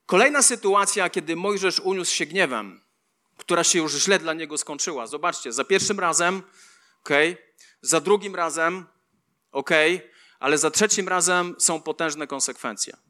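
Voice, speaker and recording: A man's voice: a little high, normal speed, sharp tone. A man preaching a sermon, reading scripture aloud and repeating key lines for emphasis. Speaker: pastor.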